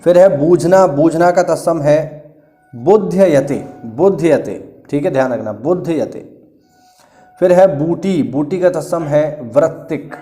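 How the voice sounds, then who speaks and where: A man's voice: a little high, warm tone. A man delivers an exam-prep lecture in a slightly raised voice. He explains patiently and says key words twice or three times so students catch them. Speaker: Hindi teacher.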